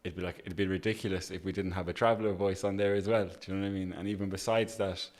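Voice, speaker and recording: A man's voice: low-pitched, fairly even intonation, fast, a little mellow. A man hosting a casual interview, talking in an informal, discursive way and checking that he is being followed. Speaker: podcast host.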